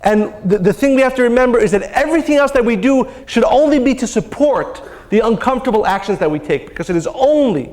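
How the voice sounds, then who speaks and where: A man's voice: very high-pitched, lively intonation, fast talker, few pauses, darkish tone. A man teaching a spiritual seminar, telling a story and drawing a lesson, earnest and repeating phrases for emphasis. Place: lecture hall.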